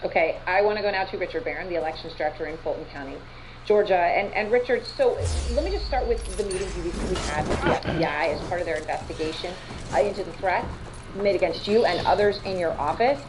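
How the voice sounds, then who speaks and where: A woman anchoring a TV news report, reading briskly and formally and interviewing a guest. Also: on the low side. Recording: noisy news clip played back.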